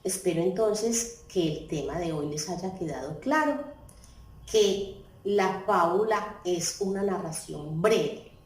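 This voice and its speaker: A woman teaching a lesson, explaining slowly and stressing key words. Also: darkish tone, reverberant, a little hiss or hum, rough recording. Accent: Colombian Spanish. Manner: deliberate, stressing key words with pitch jumps. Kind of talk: slow classroom explanation.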